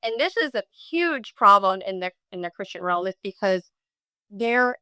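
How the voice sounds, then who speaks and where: Bright, smooth-voiced woman telling her story. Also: mid-range voice, animated, no echo. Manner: emotional, halting, with many restarts and quoted speech. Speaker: guest sharing her story. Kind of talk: personal storytelling in a podcast conversation.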